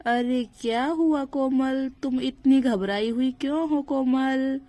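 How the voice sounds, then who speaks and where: A woman voicing a calm, caring elder sister-in-law in a doll storybook, reassuring and lightly scolding. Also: high-pitched, slow, no echo.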